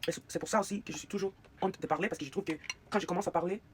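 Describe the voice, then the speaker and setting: American-accented vlogger, halting chat. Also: mid-range voice, slight background noise. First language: English. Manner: halting, mixes English fillers into French. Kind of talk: casual get-ready-with-me chat.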